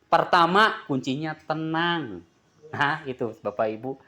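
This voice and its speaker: A man's voice: on the high side, unhurried. A man preaching a sermon, joking and asking the congregation questions as they answer back. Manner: lively, jokes and asks the congregation questions.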